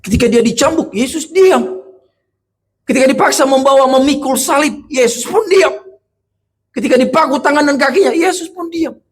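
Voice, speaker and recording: A male pastor preaching a sermon to a congregation, asking them questions, and moving between loud emphatic lines and quiet, low storytelling. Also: normal speed, slight background noise. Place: church.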